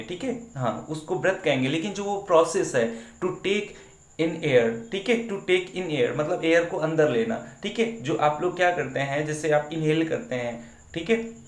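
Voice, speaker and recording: A man's voice: fairly high pitch, reverberant. A man teaching English vocabulary in an online exam-prep lesson, explaining patiently and asking his students questions he then answers.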